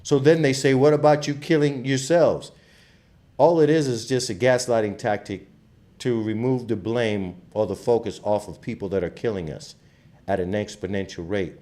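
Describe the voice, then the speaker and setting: A man's voice: mid-range voice, fairly even intonation, moderate pace. Impassioned man. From Trinidad and Tobago. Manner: impassioned, emphatic, grows louder when fired up. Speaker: channel host. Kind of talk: opinionated commentary monologue.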